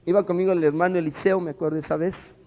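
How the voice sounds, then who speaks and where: A male pastor with a Mexican Spanish accent, preaching and telling a personal story, swinging from loud to hushed. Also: high-pitched, fairly even intonation, fast talker. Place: church. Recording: church hall with long reverb.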